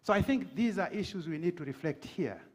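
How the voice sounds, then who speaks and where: Middle-aged guy asking a panel a pointed question, voice on the higher side, earnest and direct. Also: expressive, fairly quick, darkish tone. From Tanzania. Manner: earnest, pointed, makes a case with stories. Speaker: audience member asking a question. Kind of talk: conference floor question.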